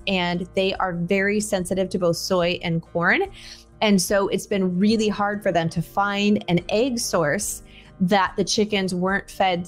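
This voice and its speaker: A woman in her forties hosting a podcast from a small home room, talking in a casual, chatty way through a headset. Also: medium pitch. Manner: chatty, conversational, gestures while talking. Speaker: podcast host. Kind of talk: casual solo podcast talk. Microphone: over-ear headset.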